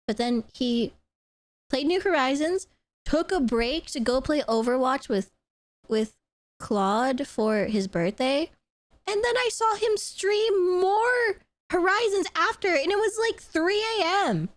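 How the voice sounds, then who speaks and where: A woman streamer in casual chat, excitable and gushing, with squealing laughs and free swearing. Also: high-pitched, slow, no room sound.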